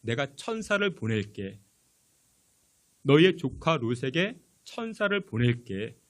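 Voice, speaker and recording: A preacher giving voice to God, answering calmly and patiently in a sermon. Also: male voice, mid-range voice, takes it slowly, pitched below the performer's own voice.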